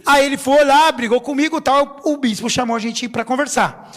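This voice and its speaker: Speaking a little fast, a middle-aged bishop and pastor gives an animated sermon full of jokes and stories in a church sanctuary. He performs other people's lines with large pitch swings, and the church hall's long reverb surrounds his voice.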